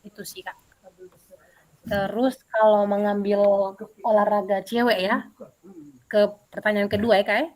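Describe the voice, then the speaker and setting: A woman PE teacher answering interview questions over a video call, telling a story in an animated way with many fillers. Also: mid-range voice, unhurried, pauses often.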